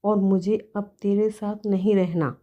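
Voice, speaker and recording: A woman's voice: mid-range voice, fairly even intonation, measured pace, dull audio, lightly acted. A woman storyteller voicing an angry, stubborn older mother-in-law who scolds harshly.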